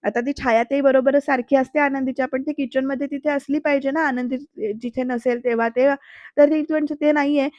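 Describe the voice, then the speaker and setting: Woman recapping a tv serial episode, chatty with her viewers, high voice, dry close sound. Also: a little fast, no room sound, lo-fi sound. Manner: lively storytelling, talks to viewers. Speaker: serial review narrator.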